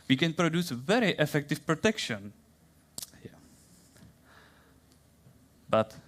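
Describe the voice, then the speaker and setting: A young man with a Czech accent giving a playful, theatrical science talk in a plant's voice, then answering questions in halting English. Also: medium pitch. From Czech Republic. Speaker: science communication contestant.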